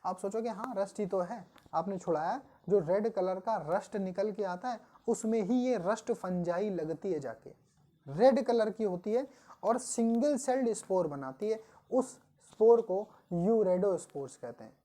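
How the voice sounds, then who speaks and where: A woman teaching biology for an exam-prep class, reading English definitions slowly and explaining them in Hindi, asking the class questions and answering them herself. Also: mid-range voice, expressive, mellow. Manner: addresses students as "beta". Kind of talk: online coaching lecture in Hindi mixed with English terms.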